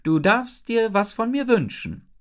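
A woman's voice: a little high, lively intonation, pitched above the performer's own voice. Woman doing a giggly little genie girl. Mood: bubbly. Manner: giggly, fast talking, squeals when scared. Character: bubbly chatty young girl genie. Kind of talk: audiobook character voice.

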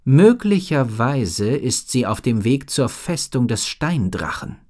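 A man reading a storybook and voicing a worried, wise female head sorceress who speaks slowly and gravely. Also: mid-range voice, sing-song, a little mellow, pitched above the performer's own voice.

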